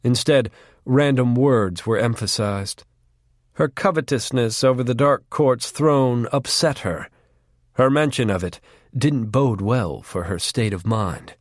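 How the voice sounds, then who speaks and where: A man narrating an audiobook in a measured, even storytelling way. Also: medium pitch, no room sound, studio quality.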